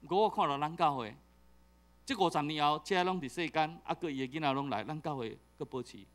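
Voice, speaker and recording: Slightly high and fairly quick, this middle-aged man's sermon carries a Taiwanese accent; the pastor jokes around and spins lively stories, leaning on the same fillers again and again.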